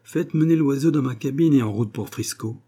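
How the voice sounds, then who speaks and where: A man doing a suave gentleman burglar, cocky and commanding, with a raised, louder voice over a mellow, husky tone. He barks short orders with a mocking edge in an audiobook reading. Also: mid-range voice, a little fast, voice pushed up, close to an everyday voice. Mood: cocky, bossy. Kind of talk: audiobook character voice.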